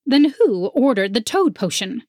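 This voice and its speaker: A gruff, stern winged policewoman from a storybook, barking out charges in a slow, emphatic, raised voice, as a woman narrator puts her on. She is pitched well above a normal speaking voice and heard in a dry, close recording. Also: very animated, a little mellow, no echo.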